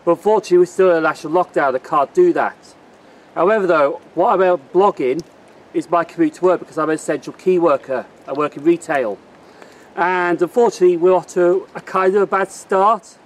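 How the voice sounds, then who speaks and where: High-pitched man vlogging outdoors. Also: brisk. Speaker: train vlogger and retail worker. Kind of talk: casual vlog talk to camera. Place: outdoors on a rainy railway platform. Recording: noisy outdoor camera audio. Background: outdoor station noise.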